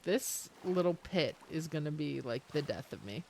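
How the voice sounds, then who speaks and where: The voice is low, animated and gravelly, a little mellow, at a normal speed, with a little hiss or hum in the recording. It belongs to a young Canadian woman streaming a game, chatting casually with viewers and live chat in a rambling, self-interrupting way, laughing often, her Canadian accent carrying some British-sounding words.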